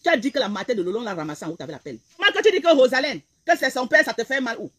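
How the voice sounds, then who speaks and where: A woman's voice: a little high, expressive, very fast, fairly bright tone, slightly rough, rough recording. A woman blogger, delivering a heated, repetitive, confrontational rant on a live stream.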